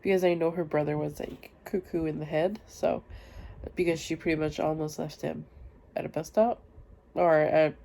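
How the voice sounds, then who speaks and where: Low, creaky-voiced woman, sick and stuffed up. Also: level tone, normal speed, dark tone, a little hiss or hum. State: sick with a cold and stuffy nose. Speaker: book vlogger. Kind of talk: casual chatty vlog to camera.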